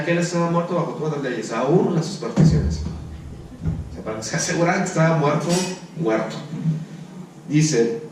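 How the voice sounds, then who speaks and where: A man's voice: on the high side, a little mellow, slight background noise. Man preaching in an echoey church. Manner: conversational preaching, rhetorical questions and answers. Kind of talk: sermon. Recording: echoey church hall, mic at a distance.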